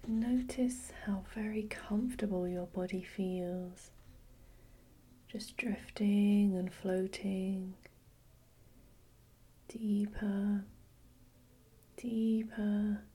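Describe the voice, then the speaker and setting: A woman whispering a slow, soothing guided relaxation with gentle repetition. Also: mid-range voice, fairly even intonation, breathy edge. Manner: soft unvoiced whisper. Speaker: hypnosis guide.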